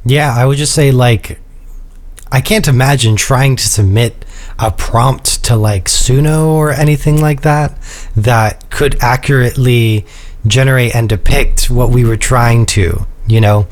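A man's voice: mid-range voice, a little slow. Casual young man with many fillers. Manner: casual, filler-heavy, enthusiastic. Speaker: music composer guest. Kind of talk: casual interview answers.

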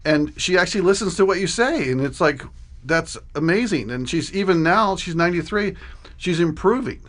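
A man's voice: high-pitched, animated, moderate pace, fairly bright tone. A man in his sixties speaking casually as an interview guest, sharing recollections. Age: 60s.

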